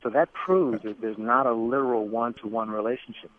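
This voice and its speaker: A man's voice: mid-range voice, brisk. A male caller on a radio show, heard over a phone line, eager and repeating words as he starts.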